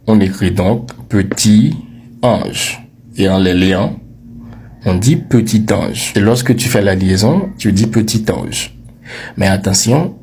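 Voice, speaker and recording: A man giving a scripted lesson on French pronunciation, slowly and deliberately repeating each word for the listener. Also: lowish voice, darkish tone, slight background noise.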